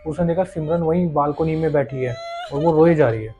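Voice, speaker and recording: A man's voice: fairly high pitch, fairly quick, mellow, dull audio. A man narrating a horror story in a casual, conversational, suspense-building way. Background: faint background music.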